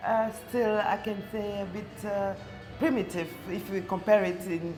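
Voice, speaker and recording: Interview guest, woman, unhurried and thoughtful, mid-pitched voice. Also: steady tone, music in the background. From Congo. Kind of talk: casual interview. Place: coffee shop.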